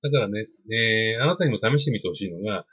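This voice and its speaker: A man's voice: fairly low pitch, expressive, fast, fairly bright tone, husky, dull audio. A middle-aged man talking casually and politely about marketing, explaining at length with many fillers. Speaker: podcast host on email marketing. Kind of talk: casual spoken advice monologue.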